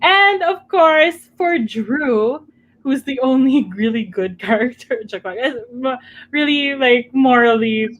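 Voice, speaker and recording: A woman chatting casually about books as a club member, in a halting, thinking-aloud manner. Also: sits high, lively intonation, lo-fi sound. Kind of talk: casual book chat.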